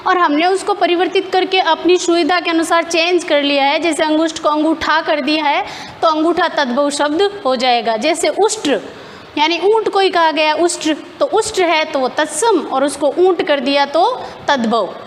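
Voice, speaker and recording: A woman's voice: sits high, big-room sound, a little hiss or hum. A woman teacher explaining grammar step by step in a classroom lesson, asking questions and answering them herself.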